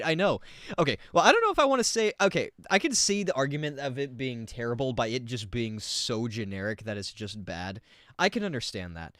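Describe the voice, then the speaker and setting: A man's voice: medium pitch, no echo, clean studio sound. Blunt rambling man reacting to a video. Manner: rambling, filler-heavy, blunt with swearing. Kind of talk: casual reaction commentary.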